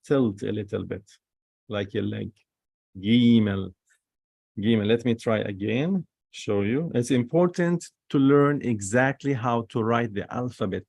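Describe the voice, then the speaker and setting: A man teaching the Hebrew alphabet, repeating each sound slowly and with non-native phrasing. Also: fairly low pitch, creaky, darkish tone, no room sound, clean studio sound. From Holy Land. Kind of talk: classroom lesson.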